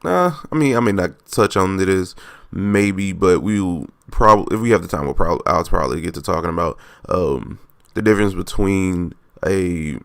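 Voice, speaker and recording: A young man with a low, gravelly and raspy voice hosts a casual solo podcast. He rambles loosely, restarts his thoughts and corrects himself as he goes. The sound is dry and close, with no room around it. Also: fairly bright tone, dry recording. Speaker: podcast host.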